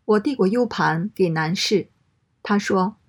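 Woman w a husky voice reading her own story out, even and matter-of-fact. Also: medium pitch, unhurried. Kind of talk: reading a first-person story aloud.

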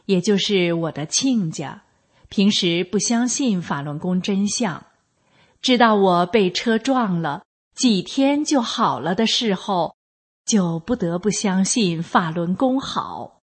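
An older woman reads a personal story aloud for a radio broadcast, taking her time over each phrase. Her voice is a little husky and breathy. The delivery is plain and measured, with no dramatics. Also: medium pitch, lively intonation. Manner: slow, measured, plain reading. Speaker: radio reader of a testimonial. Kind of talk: scripted first-person narration.

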